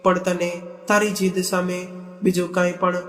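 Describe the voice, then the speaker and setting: A man reading a weary, fed-up father, high and flat. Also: normal speed, echoey room, long reverb tail, soft background music. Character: weary father, fed up with his proud daughter.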